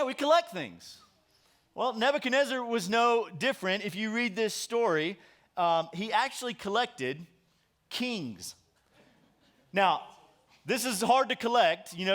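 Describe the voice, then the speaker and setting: A man's voice: high-pitched, fairly bright tone. A man preaching a sermon as pastor, conversational and joking, drawing in his audience.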